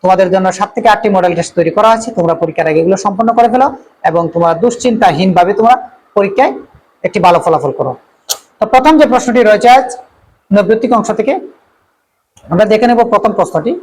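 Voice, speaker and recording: A male teacher going through exam multiple-choice questions, repeating each question and reading out the options before giving the answer, with drawn-out "uh" fillers. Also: high-pitched, a little hiss or hum, rough recording.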